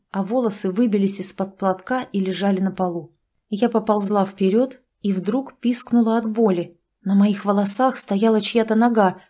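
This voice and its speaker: A woman reads a first-person fantasy novel aloud. Her storytelling is measured and expressive, in a steady mid-range voice. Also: medium pitch. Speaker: audiobook narrator. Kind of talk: audiobook narration.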